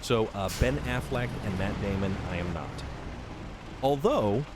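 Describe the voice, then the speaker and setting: A streamer from Massachusetts in New England chats casually with his viewers while playing a driving game, rambling with fillers and thanking people by name. His voice is lowish and expressive, his pace measured, and the background is noisy.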